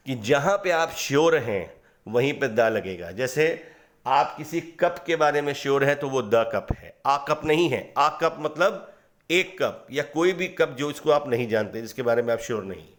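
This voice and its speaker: A man teaches English grammar from slides, explaining step by step and posing questions he then answers himself. His voice is fairly high and fairly bright, and he reads the English example sentences slowly and deliberately, with an Indian accent.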